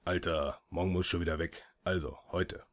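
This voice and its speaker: A man voicing an excitable, pushy male friend who talks in short, clipped bursts, in an audiobook. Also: low-pitched, normal speed, voice pushed down, lightly acted. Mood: eager. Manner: curt, clipped sentences.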